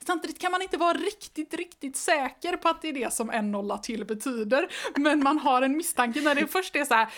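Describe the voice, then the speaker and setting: Woman, podcast co-host, casual chat, expressive reading, fairly high voice. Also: few pauses. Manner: chatty, reads with expression.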